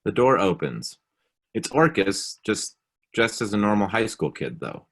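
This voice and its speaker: Male narrator, low pitch, scripted stage-direction reading. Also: sing-song, a little slow, a bit bright, breathy edge.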